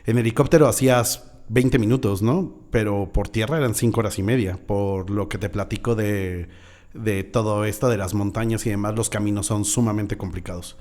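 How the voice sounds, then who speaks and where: A man in his forties with a Mexican accent, a paramedic guest telling a story in a relaxed interview. He is reflective, often adds a questioning tag, and acts out the voices of people he quotes. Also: on the low side, moderate pace.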